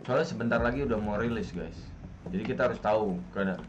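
Game sounds and muffling cloud the audio as this young adult streamer, Indonesian-accented, chats casually over his gameplay. He speaks fast, his voice sitting on the low side.

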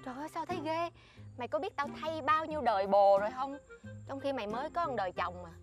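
A woman's voice: sits high, quick pace, music in the background, lightly acted. An actress playing a bossy, scheming woman who lectures and scolds her friend with dramatic exclamations in a comedy sketch. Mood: boastful.

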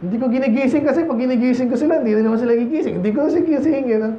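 High-voiced Filipino preacher in an echoey church. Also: male voice, rapid-fire, mellow, slight background noise. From Philippines. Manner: conversational, teasing, many rhetorical questions to the congregation. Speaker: pastor. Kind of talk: sermon. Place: church sanctuary. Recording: echoey, muffled church recording.

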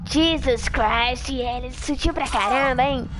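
A young Brazilian woman giving excitable, laughing live commentary as she plays a video game, hushing her viewers in mock drama and mixing in English words. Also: high-pitched, takes it slowly, noisy background. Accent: Brazilian Portuguese. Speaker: streamer playing a video game. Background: game music playing.

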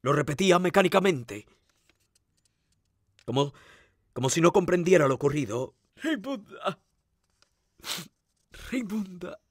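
A man voicing a daring gentleman thief with a fierce temper, speaking coldly and commandingly in an audiobook reading. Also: a little high, expressive, moderate pace, pauses often, dry recording, clean studio sound. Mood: grief-stricken. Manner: cold and commanding, turning desperate.

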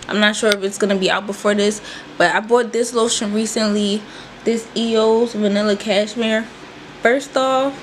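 A woman in her twenties films a vlog in her small bedroom, talking to viewers in a lively, casual way and calling them "y'all." Her voice is a little high, and there's slight background noise as she holds her phone camera before propping it on the desk.

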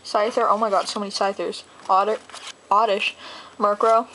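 A teenage girl chatting casually while opening trading card packs, talking fast and rambling excitedly. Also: mid-range voice, a little hiss or hum, poor audio. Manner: gushing, excitable. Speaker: card collector vlogger. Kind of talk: casual unboxing chat.

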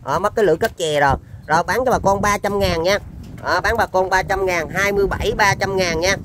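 A man's voice: high-pitched, fast, noisy background. A man with a Southern Vietnamese accent giving an informal sales demonstration of used machinery, in chatty, repetitive patter.

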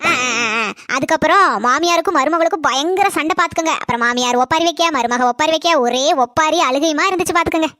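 A woman's voice: high-pitched, quick pace, hardly any pauses, sharp tone, dry recording, studio quality. A woman voicing a nosy neighbor in a cartoon who eagerly spreads street gossip, with a Kanyakumari Tamil accent. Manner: breathless, eager storytelling gossip. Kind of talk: cartoon comedy dialogue.

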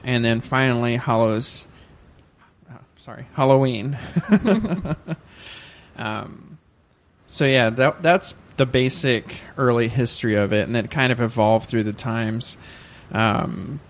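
A man of middle pitch on a casual podcast, recounting research he did. He talks hesitantly, with frequent fillers, and keeps stopping to correct himself. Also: takes it slowly. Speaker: podcast co-host.

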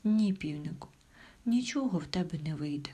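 A woman voicing a tearful little male hare who pleads in a hushed, whiny way in a storybook tale. Her voice is husky and breathy. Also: on the low side, expressive, normal speed. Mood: tearful pleading.

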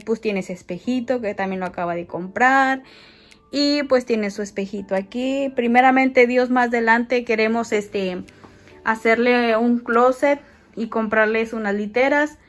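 With a fairly high voice, a vlogger chats away to her viewers as friends while walking them through her small home on a casual house tour, filmed on a phone she holds in her hand.

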